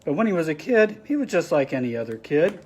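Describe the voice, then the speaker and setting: A man with a slightly high, sing-song voice reads a picture book aloud to children, talking fast and explaining the pictures with friendly asides. There's slight background noise.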